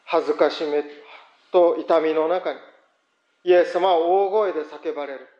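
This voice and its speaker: High-voiced man preaching in an echoey church. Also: fairly even intonation, unhurried, warm tone, dull audio. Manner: earnest, reflective preaching. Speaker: pastor. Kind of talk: prayer and sermon.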